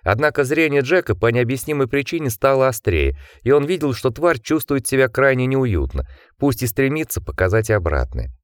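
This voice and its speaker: A man narrating an audiobook in an expressive reading style. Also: medium pitch, moderate pace, few pauses, dry recording. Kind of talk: scripted narration.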